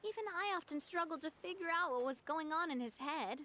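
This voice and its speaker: In a game cutscene with faint music, a young woman plays the self-assured heiress running her late father's organization. She talks frankly and easily in a high-pitched, sharp voice at a fairly quick clip.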